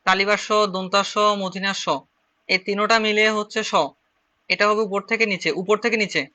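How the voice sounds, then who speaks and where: Teaching shorthand online, a Bangladeshi man with a Chittagong Bengali accent drills each point step by step, repeating it again and again so the class can follow. He speaks a little fast in a high, very bright voice with a flat delivery.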